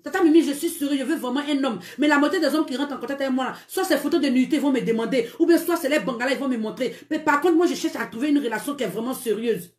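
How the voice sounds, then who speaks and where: A fast-talking woman with a high voice and a Cameroonian French accent, hosting a live stream of relationship talk. She scolds emphatically and repeats her points, laughing through her words. The sound is echoey, as if from a bare room. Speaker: live-stream dating advice host.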